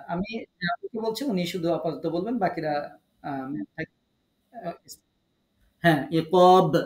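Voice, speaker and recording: In a rough, roomy recording, a high-voiced man with a Bangladeshi Bengali accent teaches recitation online. Over video call he quizzes his students patiently, encourages them, and corrects how they pronounce things.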